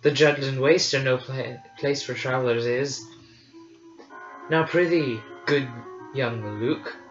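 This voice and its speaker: Obi-Wan Kenobi, a man reading a gentle old knight. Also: mid-range voice, steady tone. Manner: measured, gentle verse. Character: wise old male hermit knight, gentle. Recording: roomy, slightly dull, faint music.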